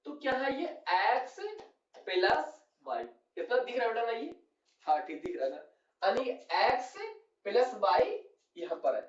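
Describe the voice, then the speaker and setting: A man's voice: extremely high pitch, lively intonation, unhurried, a little hiss or hum. A male chemistry teacher giving a classroom lecture, calling his students "beta" and checking often that they follow. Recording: roomy, distant, dull lo-fi sound.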